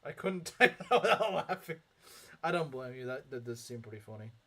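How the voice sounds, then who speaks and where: In a mid-range voice that sounds pushed and bright, a young man live-streams a game at normal speed with big swings in pitch. He reads chat and rambles casually, filling gaps with filler words and chuckling often.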